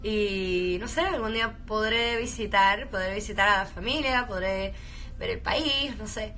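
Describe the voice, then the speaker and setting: Answering fan questions, a young Venezuelan actress with a Cuban Spanish accent switches between Spanish and English in a casual chat full of laughs, fillers and restarts. Her mid-range voice is bright and forceful at a measured pace, and there's a little hiss or hum in the audio.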